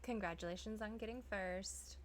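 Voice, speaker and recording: A woman's voice: mid-range voice, moderate pace, a little hiss or hum. A woman streamer chatting casually with her viewers, chatty and self-deprecating, laughing often. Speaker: live streamer. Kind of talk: casual live-stream chat.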